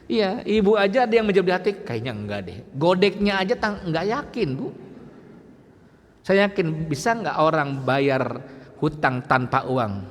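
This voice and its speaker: A man preaching a lively sermon, talking straight to his congregation with teasing questions and acting out humble prayers. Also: normal speed, slight background noise. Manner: talks directly to the audience, teasing and questioning; acts out humble pleading prayers in a low soft voice. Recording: long hall reverb.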